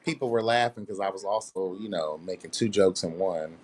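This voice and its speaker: A man in his late thirties in casual group chat, telling stories in a sassy, drawn-out way and calling everyone honey. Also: sits low. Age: 30s. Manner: sassy, drawling storyteller, calls others honey.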